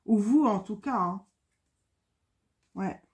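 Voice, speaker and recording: With a medium-pitched, slightly mellow voice, a French woman who has a cold takes her time through an informal tarot reading. She repeats herself and uses many fillers.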